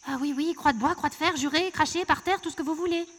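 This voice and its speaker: A woman's voice: high-pitched, fast talker, fairly bright tone, voice pushed up. A woman voicing a shy, clever little girl who talks in a hesitant, pleading way.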